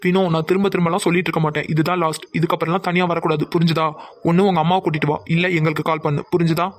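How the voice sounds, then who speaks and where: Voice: mid-range voice, level tone, very fast, close to an everyday voice. A voice actor playing a bossy, protective young man in a cartoon who gives orders. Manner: bossy, commanding.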